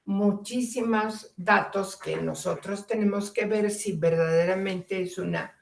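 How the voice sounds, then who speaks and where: Slow gravelly woman lecturing in an echoey room. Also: mid-range voice. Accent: Mexican Spanish. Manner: slow, deliberate, repeats key phrases. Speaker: teacher. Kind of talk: lecture on logic and fallacies.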